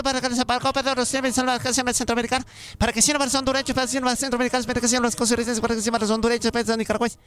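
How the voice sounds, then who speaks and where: Comic radio bit: a man playing an old granny healer, very high, sharp and fast, dramatic chanting. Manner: calls everyone "hijo", rambling mystical chants. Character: old female folk healer, fussy and dramatic. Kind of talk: radio comedy sketch.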